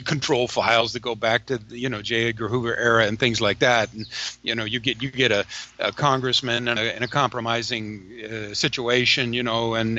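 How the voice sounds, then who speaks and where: A man from the United States speaks as a call-in guest over a phone line that glitches and keeps breaking up. His sound is dull and lo-fi, yet his tone is bright. He talks haltingly and restarts his phrases as he goes. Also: mid-range voice. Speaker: guest caller. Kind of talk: call-in interview.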